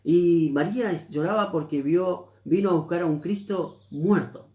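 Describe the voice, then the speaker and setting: Argentine male pastor, fairly high voice, earnest sermon in a reverberant room. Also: normal speed, warm tone, highs cut off. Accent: Argentine Spanish. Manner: earnest preaching with repeated phrases.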